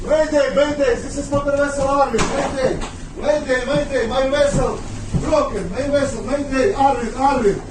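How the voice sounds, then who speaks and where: A ship's crewman in a panic, shouting a mayday over marine radio in short, repeated urgent phrases, strained as he calls. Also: very high voice, fairly even intonation, moderate pace, pauses often, heavy background noise. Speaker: ship crew member.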